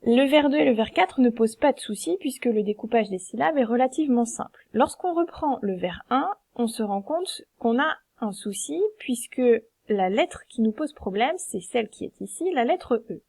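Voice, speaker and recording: A patient woman teacher talks through a lesson with a slightly high, mellow voice. She counts syllables aloud one by one and explains each step calmly. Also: normal speed, creaky, breathy edge.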